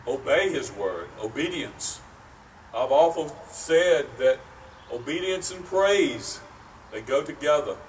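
Slow, earnest middle-aged preacher outdoors. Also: male voice, fairly high pitch, expressive. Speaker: pastor. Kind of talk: sermon. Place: outdoors by a brick church. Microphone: far camera, at a wooden pulpit. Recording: distant outdoor mic, faint noise.

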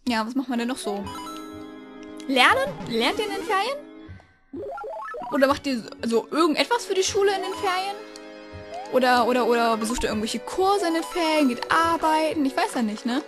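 High-voiced chatty young let's player. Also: female voice, animated, quick pace. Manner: chatty, rambling, with sudden frustrated outbursts. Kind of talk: casual gameplay commentary. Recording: game music playing behind the voice.

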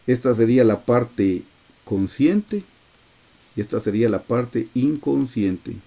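Man preaching a bible study on a video call, mellow voice, earnest and steady. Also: mid-range voice, takes it slowly, gravelly. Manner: earnest, repeatedly addresses listeners as brothers. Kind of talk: sermon-style Bible teaching over a video call.

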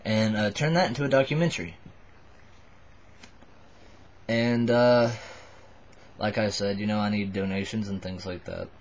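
Low-pitched man in his twenties, slightly drunk, halting rambling vlog talk, dull lo-fi webcam sound. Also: fairly even intonation. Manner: tipsy, buzzed, halting and rambling. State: a little drunk. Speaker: vlogger addressing subscribers. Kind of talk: rambling casual confessional to camera. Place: small wood-panelled bedroom indoors.

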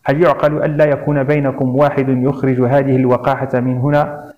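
A man's voice: medium pitch, little pitch movement, fairly quick, natural voice. A man voicing a furious, defiant young woman in an audiobook, with a dull lo-fi sound. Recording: dull lo-fi recording.

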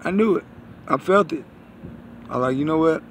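Holding his phone at arm's length outside next to a building, a man in his thirties who calls himself a prophet delivers a rambling religious message to viewers. He sounds animated and somewhat high, stopping and starting and going back over the same phrases, with slight background noise.

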